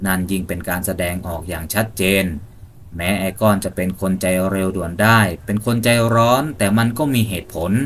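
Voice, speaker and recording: A man narrating a scripted ghost story in a measured, suspenseful manner. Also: low voice, fairly bright tone.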